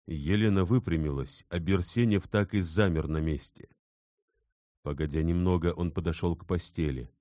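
A man reads a classic novel aloud in a measured, dramatic way. His voice sits very low and has a dark, mellow tone. The recording is close and dry, with no room sound. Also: dry recording. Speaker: audiobook narrator. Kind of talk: scripted literary narration.

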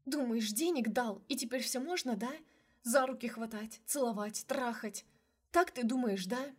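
A woman's voice: on the high side, normal speed, husky, pitched above the performer's own voice. A woman voicing a distraught young woman who is crying, bitter and sarcastic through her sobs, in an audiobook. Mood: sobbing. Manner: sarcastic, then breaking into sobs. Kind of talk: audiobook character voice.

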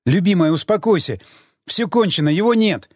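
A man reading aloud plays a young man desperately calling out to his beloved. His voice sits fairly high and moves a lot, in a dry, close reading. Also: lively intonation, moderate pace, no echo. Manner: shouting, pleading.

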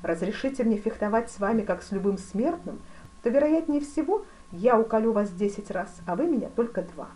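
A woman voicing a composed, polite fencing master in an audiobook, speaking quietly and with deference. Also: on the high side, animated, a little fast, pitched above the performer's own voice, lightly acted, low-quality recording. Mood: deferential. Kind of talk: audiobook character reading.

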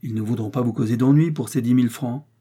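Voiced in a dark, husky tone, a man plays a shrewd old village mayor from Normandy, blunt and sure of himself. He lays down the law in a gruff, lecturing way. It sounds like an audiobook reading. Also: medium pitch, fast talker, natural voice. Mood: stern.

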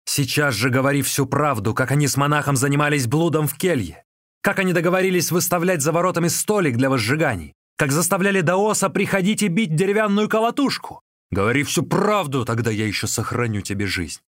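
A man voicing a stern, furious husband who shouts threats. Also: low voice, lively intonation, moderate pace, no room sound, clean studio sound. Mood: furious shouting.

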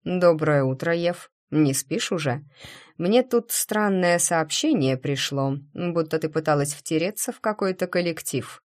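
A woman's voice: low-pitched, animated, unhurried, a little mellow. A woman voicing a confident male bandmate who reassures his friend steadily. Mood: reassuring.

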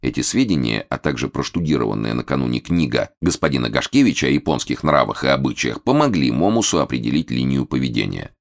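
A man narrating a novel with a very low, deep voice that still moves freely up and down. His reading is expressive and lively, shaping each sentence like storytelling. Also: fast, gravelly, few pauses. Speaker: audiobook narrator. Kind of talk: scripted narration.

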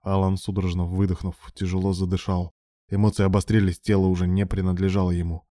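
A man narrating a story as an audiobook in a steady, even reading voice. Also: low-pitched, fast, no room sound, clean studio sound.

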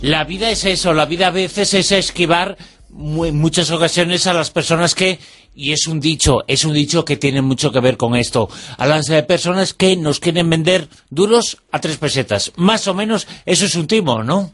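A man's voice: on the high side, normal speed, a bit bright, dry recording, studio quality. A man with a Spanish accent from Spain, hosting a radio interview in a discursive way with frequent fillers. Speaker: radio host.

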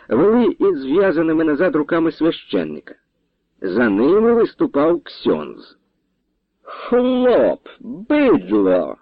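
A male audiobook narrator with an expressive, storytelling delivery. His pitch moves a lot through each sentence. The recording is dry and thin, as if heard through a phone. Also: no echo. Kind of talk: dramatic audiobook reading. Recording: dry, tinny phone-like sound.

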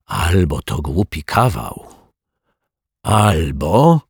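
A man's voice: very animated, slow, slightly rough, dry recording, studio quality, full character voice. A man voicing a nervous, flustered middle-aged male caretaker who talks in a fretful, pleading way. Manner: fretful, pleading, higher pitched.

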